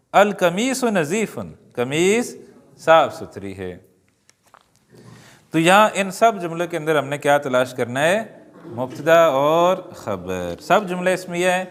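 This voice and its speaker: A man teaching an Arabic lesson, reading words slowly and adding joking asides to his students. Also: on the high side. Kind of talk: classroom-style lesson. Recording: long hall reverb.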